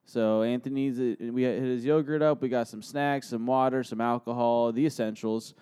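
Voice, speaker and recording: Male podcast co-host, smooth dark tone, loose casual banter with friends. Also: mid-range voice, steady tone, fairly quick.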